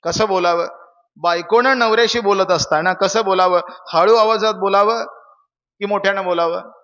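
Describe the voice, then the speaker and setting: Brief: young male kirtan preacher, high and bright, asks the crowd questions, long hall reverb. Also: normal speed, dull audio. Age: young adult. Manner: questions the audience, preachy storytelling. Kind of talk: Marathi kirtan sermon.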